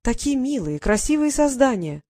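A woman's voice: high voice, big pitch swings, moderate pace, warm tone, no room sound, studio quality, pitched above the performer's own voice, exaggerated voice. A woman voicing a devoted, bloodthirsty female servant who talks insistently and with heat. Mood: insistent, hateful. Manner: insistent, heated.

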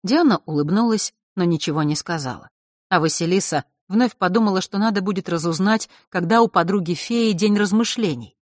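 A man narrating a young-adult fantasy audiobook in an even, measured way. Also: high-pitched, no echo, clean studio sound. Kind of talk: scripted narration.

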